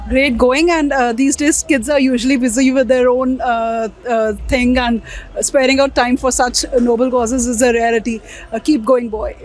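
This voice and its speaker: A woman with an Indian accent conducting an unscripted interview on location, with halting, hesitant phrasing. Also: on the high side, fairly even intonation, rough recording. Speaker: interviewer, reporter.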